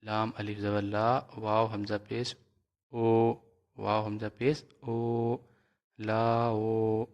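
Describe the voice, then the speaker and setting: Low, flat-voiced man spelling out letters. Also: lo-fi sound. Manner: spells out letters and vowel marks slowly, then blends syllables. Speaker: teacher. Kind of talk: slow spelling-out reading lesson.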